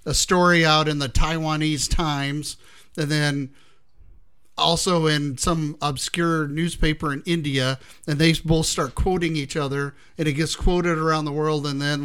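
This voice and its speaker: Man, show host, relaxed chat, slightly high voice, laughs easily. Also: a little slow, clean tone. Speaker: podcast host. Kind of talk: casual talk show chat.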